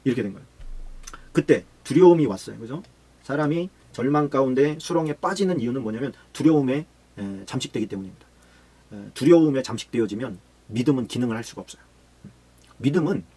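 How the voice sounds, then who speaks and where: Husky guy preaching a bible study, super animated, jumps up high doing voices. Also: fast. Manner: lively, acts out quoted voices with big pitch jumps. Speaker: pastor.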